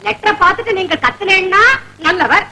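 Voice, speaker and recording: A woman's voice: very high voice, fairly quick, bright, forceful tone, a little hiss or hum, exaggerated voice, rough recording. An actress playing a bossy, meddling middle-aged woman who schemes and scolds in a theatrical old-film comedy style. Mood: indignant. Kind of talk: 1970s Tamil film comedy acting.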